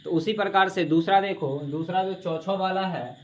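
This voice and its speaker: A man's voice: high voice, normal speed. A male teacher giving a classroom grammar lesson, asking questions and answering them himself to drill the students, and addressing them as "babu". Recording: dull lo-fi classroom recording with faint hiss.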